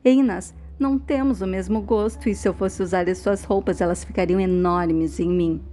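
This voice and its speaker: A woman's voice: medium pitch, fairly even intonation, normal speed, warm tone, close to an everyday voice. A woman reading the lines of a scornful young woman who provokes her rival, in a plain, taunting tone. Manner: plain read-aloud, taunting.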